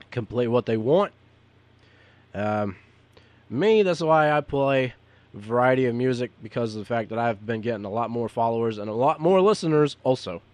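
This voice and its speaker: A man's voice: mid-range voice, no echo. A man who is a podcaster and DJ, talking unscripted and giving advice to other podcasters in a rambling, repetitive, earnest way. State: hiccups.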